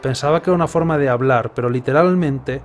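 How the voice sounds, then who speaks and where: A man's voice: medium pitch, quick pace. A man in his thirties with a Spain accent, giving casual, sarcastic, rambling commentary as he plays a game. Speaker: video game streamer. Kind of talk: casual live gameplay commentary. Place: indoors, streaming setup. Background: game music and effects.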